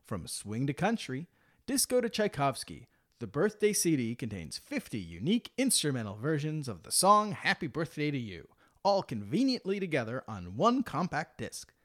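A man playing an upbeat infomercial announcer, giving an emphatic, salesy pitch. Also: wildly swooping pitch, moderate pace, no echo, studio quality. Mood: salesy, mock-earnest.

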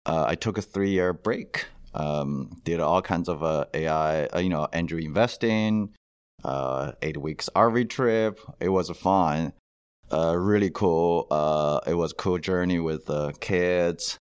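Deep-voiced man. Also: slow, smooth, no room sound, studio quality. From China. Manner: loose, chatty, many fillers and laughs, non-native grammar. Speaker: guest, company founder. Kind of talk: casual interview chat.

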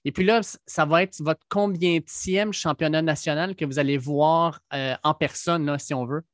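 A man's voice: on the high side, fairly even intonation, normal speed, no room sound, clean studio sound. A man with a Québécois French accent hosting a casual podcast interview, talking with frequent hesitations. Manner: hesitant, many fillers. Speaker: podcast host.

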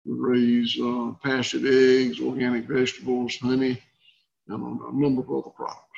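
A man's voice: mid-range voice, monotone, normal speed, vocal fry, a little mellow, highs cut off. A man with a Southern accent from Georgia, giving conversational interview answers as a farmer. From rural Georgia, US. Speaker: guest, farmer.

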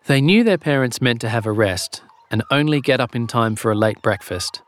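A man narrating a children's storybook in a gentle, expressive way. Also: mid-range voice.

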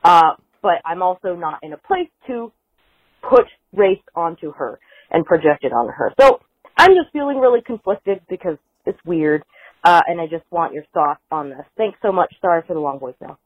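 A woman, a high school teacher, leaving a casual, slightly rambling voicemail for a show over the phone. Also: expressive, normal speed, no echo. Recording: tinny phone line voicemail.

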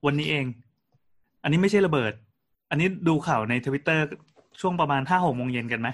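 A man's voice: a little high, fairly quick. A man co-hosting a podcast, telling a story in casual chat with frequent restarts and fillers. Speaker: podcast co-host.

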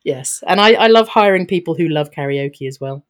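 A woman answers questions as a podcast interview guest, upbeat and chatty, laughing often and restarting her sentences. She has a deep, expressive voice at a moderate pace.

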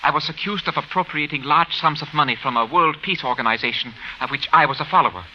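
A male actor in a 1940s-50s radio drama plays an anxious, earnest man who has been wronged, pleading in formal, carefully phrased speech. His voice is a little high and fast, lightly acted, on a muffled old radio recording with faint noise.

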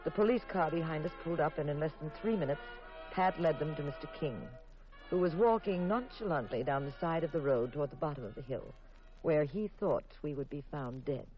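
A woman playing a detective's wife who narrates the story crisply and teases her husband, in an old radio drama. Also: low voice, lightly acted. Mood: brisk, teasing. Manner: brisk, crisp storytelling, teasing. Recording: muffled old radio recording with faint music.

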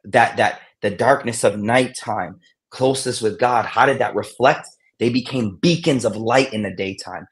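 A man giving sermon-like final reflections on a panel, with halting restarts and recited Arabic verses. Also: mid-range voice. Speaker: speaker on a panel.

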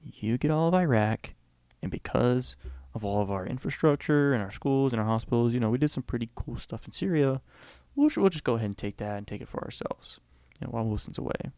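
A man's voice: medium pitch, expressive, a little fast, hardly any pauses, darkish tone, dry recording, clean studio sound, close to an everyday voice. A man voicing boastful, scheming French statesmen with a smug, eager manner, inside a history talk.

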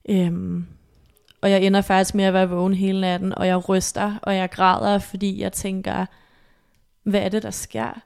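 Sex: woman. Style: halting personal storytelling. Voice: gravelly, flat. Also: mid-range voice. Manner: soft, halting, emotional retelling. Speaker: interview guest.

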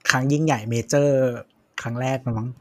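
Dude on a tech podcast jumping in w details, normal middle voice. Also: male voice, mid-range voice, fairly even intonation, moderate pace, a bit bright. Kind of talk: casual chat.

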